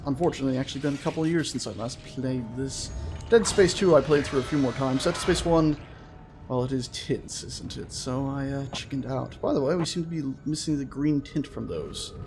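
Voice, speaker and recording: With a brisk, medium-pitched voice, a gaming video host offers relaxed, meandering let's play commentary and keeps interrupting himself playfully. Game music plays over a noisy background.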